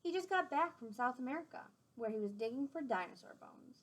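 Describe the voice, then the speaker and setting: A woman with a high-pitched voice reads to young children from a picture book, going a little fast. Her style is expressive and instructive, with simple asides that explain things.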